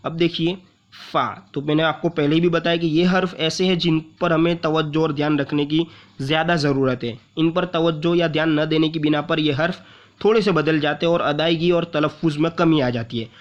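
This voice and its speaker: Unhurried and patient, a man with a slightly high, fairly even voice demonstrates recitation, explaining tajweed rules one at a time. He pauses on single syllables, repeats them, and drags out long vowels for clarity, and the audio is muffled and lo-fi.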